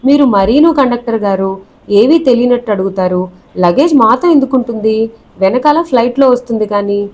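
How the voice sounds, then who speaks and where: A cocky young groom who brags and teases with a straight face, as a woman narrator puts him on. The voice sits fairly high, read aloud in an audiobook of a novel. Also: normal speed. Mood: teasing. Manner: cocky, deadpan teasing. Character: proud boastful young man, the runaway groom.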